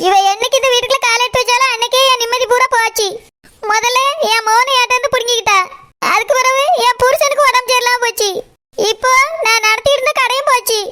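A woman's voice: extremely high pitch, steady tone, quick pace, bright, forceful tone. A woman with a Tirunelveli Tamil accent voicing a tearful, scolding village mother-in-law in a cartoon. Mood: lamenting. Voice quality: wailing, complaining. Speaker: cartoon character. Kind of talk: cartoon voice acting.

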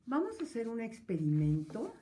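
A woman psychologist hosting a live-streamed talk, speaking slowly and emphatically and addressing her viewers directly. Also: fairly high pitch, wildly swooping pitch, noisy background. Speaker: psychologist and host. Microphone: earphone headset. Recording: dull lo-fi stream audio.

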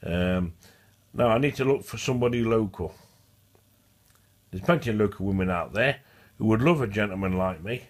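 In a casual monologue to camera, this stuttering vlogger rambles and repeats himself, often restarting phrases. His low-ish voice has a breathy edge and moves at a moderate pace, broken by long pauses.

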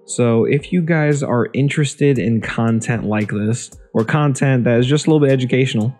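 A young man vlogging casually from a small room at home, talking into a desk microphone in front of a green screen, chatty and relaxed, often repeating himself and saying um. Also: mid-range voice, moderate pace, soft background music. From Ohio, USA. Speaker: YouTube vlogger. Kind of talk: casual vlog talk. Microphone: desk microphone near the face.

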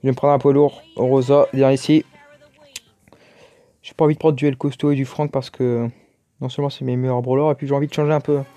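A man's voice: medium pitch, flat delivery, brisk, long pauses, mellow. A man giving casual, chatty commentary over his own gameplay, exclaiming and muttering to himself as he plays. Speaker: gaming YouTuber.

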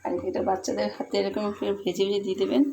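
A woman's voice: medium pitch, steady tone, rapid-fire, creaky, background noise. A woman talking viewers through a home cooking recipe, chatty and pleading with them to try it. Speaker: home cooking channel host. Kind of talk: casual cooking demonstration voice-over.

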